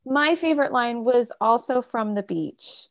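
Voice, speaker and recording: A woman co-hosting a casual movie podcast, rambling with halting restarts and bursts of excitement. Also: fairly high pitch. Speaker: podcast co-host. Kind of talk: casual chat about a movie.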